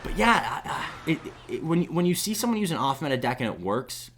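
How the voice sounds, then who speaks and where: A man's voice: a little high, brisk, a little hiss or hum. A young man giving live esports commentary in a chatty, rambling way, taking asides between plays. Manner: chatty, rambling asides, animated when excited. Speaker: esports caster.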